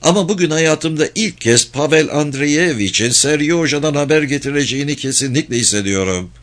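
A man voicing a stern, strong-willed elderly woman in an audiobook, brisk and commanding. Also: fairly high pitch, animated, fairly bright tone, voice pushed up. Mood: confiding.

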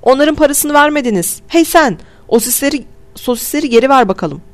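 A man's voice: very high-pitched, animated, a little fast, voice pushed up. A man voicing a pompous store manager who barks indignant orders. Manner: barking, indignant.

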